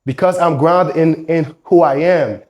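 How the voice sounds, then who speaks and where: Congested with a cold, a man delivers a preachy, emphatic motivational talk to camera, coaching men on dating and cursing without restraint. He speaks a little slowly in a fairly high voice with a darkish tone.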